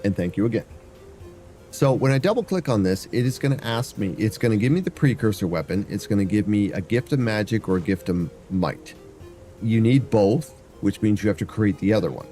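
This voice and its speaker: Soft music plays behind a fairly low-pitched, dark-toned man who talks animatedly and fairly quickly as he streams a game. A variety streamer with a stuffy nose, he rambles casually, thinking aloud and humming to himself.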